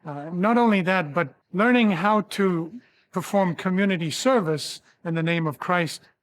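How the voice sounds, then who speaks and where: An older man from Tanzania, a pilot and ministry founder, giving a measured, earnest testimony with occasional fillers. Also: high voice. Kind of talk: testimony interview.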